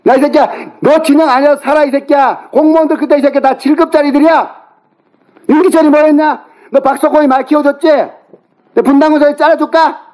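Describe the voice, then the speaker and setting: A middle-aged man on a phone call, angrily yelling, cursing and berating the other person. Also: extremely high pitch, fairly even intonation, a little fast. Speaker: older brother on a phone call. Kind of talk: heated phone argument. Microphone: phone call recording.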